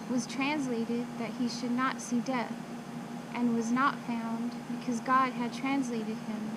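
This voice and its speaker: A woman reciting Bible verses by rote from memory, in short measured phrases with pauses, on a recording with loud background noise. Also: fairly high pitch. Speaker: scripture reciter.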